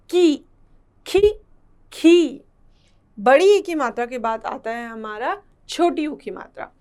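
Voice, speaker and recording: A woman teaching a children's lesson, slow and patient, repeating syllables aloud. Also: sits high.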